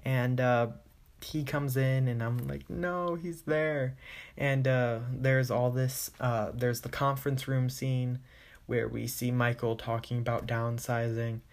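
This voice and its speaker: A man's voice: mid-range voice, monotone, a little slow. A man hosting a podcast, giving a casual, chatty recap of an episode with many "uh" fillers. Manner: chatty, loose, with frequent "uh" fillers. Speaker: podcast host.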